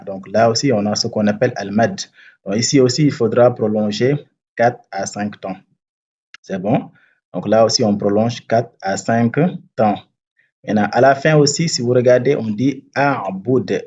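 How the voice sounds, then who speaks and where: A man teaching Quran recitation rules step by step, patiently checking that learners follow and chanting the verses slowly. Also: on the low side, darkish tone, slightly rough, dull audio. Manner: patient, repeats and checks understanding; slow drawn-out recitation of verses. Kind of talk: step-by-step tajweed lesson.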